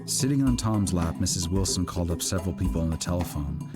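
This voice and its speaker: With a low voice, lively intonation, and quick delivery, a male narrator reads a scripted piece of literary fiction as an audiobook. There's music in the background of the recording.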